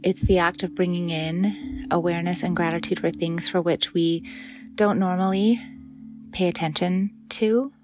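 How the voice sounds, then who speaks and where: A middle-aged woman gently leading a guided meditation in a soft, soothing voice that often drops into a breathy near-whisper. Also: on the low side. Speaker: meditation guide and yoga teacher.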